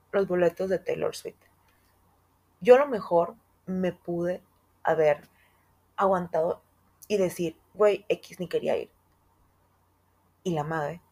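A woman's voice: mid-range voice, dark tone. A young woman with a Mexican Spanish accent, hosting a casual monologue podcast and talking in a slangy, emphatic, candid way. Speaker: podcast host.

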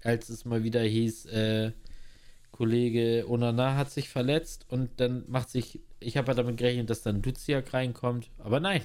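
A man's voice: medium pitch, fairly even intonation, moderate pace, darkish tone, clear, resonant tone. Blunt, ranting guy. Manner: blunt, slangy, sarcastic ranting. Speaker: podcast co-host. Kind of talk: casual chat.

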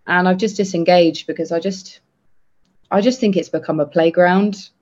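A man co-hosting a podcast, talking earnestly and haltingly with many restarts. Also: sits high, steady tone, a little mellow. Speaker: podcast co-host. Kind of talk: casual podcast chat. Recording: dull lo-fi sound.

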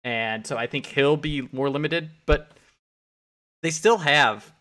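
Bright-voiced man talking football bets. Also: a little high, slow pace. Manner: animated, acts out quotes in raised voice. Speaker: podcast co-host. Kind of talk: casual sports betting chat.

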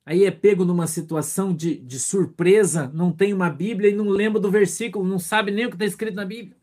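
A male pastor with a Brazilian Portuguese accent preaches a sermon in a high, fast, darkish voice. He acts out little scenes, poses rhetorical questions, and greets congregation members by name.

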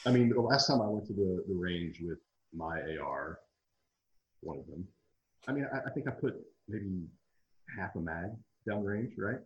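A man's voice: low-pitched, animated, a little slow, long pauses, muffled recording. A man co-hosting a casual podcast, sarcastic and swearing, laughing often.

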